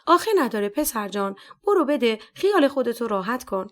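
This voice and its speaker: A woman's voice: on the high side, big pitch swings. A woman voicing a stern, scornful male police captain who scolds harshly and talks down sarcastically.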